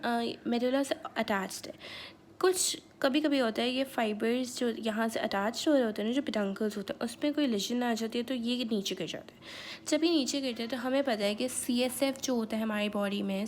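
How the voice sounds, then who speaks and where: Gravelly-voiced woman teaching a lecture. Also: fairly high pitch, slight background noise. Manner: chatty, mixes English terms, repeats "theek hai". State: sore throat. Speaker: medical lecturer. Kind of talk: casual online lecture.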